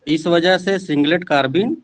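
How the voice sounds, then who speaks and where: A man's voice: on the high side, normal speed. A man in an online class, explaining a chemistry concept step by step in a modest way.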